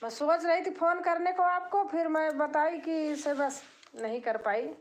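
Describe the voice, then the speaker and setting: An older woman with a high voice chats away on her home live stream. She talks easily with her viewers and now and then sings a line of a folk song. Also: fairly even intonation, a little slow. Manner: chatty, warm-hearted, breaks into folk singing. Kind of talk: casual live chat with viewers.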